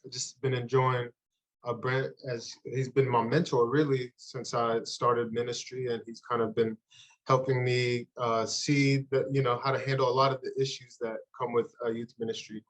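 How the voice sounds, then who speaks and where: A man in his thirties from Uganda, a youth pastor speaking earnestly and haltingly in a podcast interview. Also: mid-range voice, flat delivery, low-quality recording. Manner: earnest, halting, with frequent restarts.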